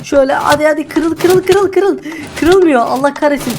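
A woman's voice: fairly low pitch, brisk, a little hiss or hum, close to an everyday voice. A woman voicing a greedy, hot-tempered male diamond miner in a game role-play, who curses and grumbles and repeats himself over and over. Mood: panicked. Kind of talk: Minecraft role-play acting.

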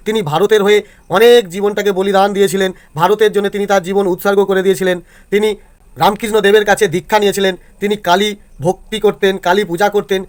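A male teacher explains exam answers to students step by step and keeps checking that they follow. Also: sits high. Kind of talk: exam answer walkthrough lesson.

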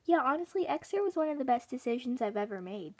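A woman's voice: high voice, very animated, quick pace. A woman playing a frank workout customer giving a plain-spoken testimonial in a parody infomercial.

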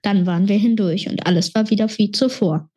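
A woman reading a children's fantasy novel aloud in a steady, expressive storytelling manner. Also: medium pitch, fairly quick, breathy edge. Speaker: reader.

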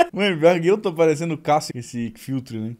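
A man's voice: on the high side, lively intonation, moderate pace, darkish tone. A man, a comedy youtuber rambling crudely through a meme reaction with laughing asides.

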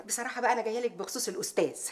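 An actress with an Egyptian Arabic accent playing a bold, sharp-tongued housemaid who speaks in proverbs. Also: female voice, fairly high pitch, racing, lightly acted. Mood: sly. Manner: proverb-spouting, brash, mocking. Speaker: housemaid confronting her employer's rival. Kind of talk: TV drama acting.

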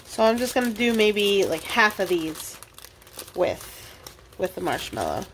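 In a low-quality recording with a little hiss or hum, a woman hosting a library cooking show explains an informal tutorial step by step while handling things at a kitchen counter. Her medium-pitched voice is unhurried and swings widely in pitch, and her manner is casual.

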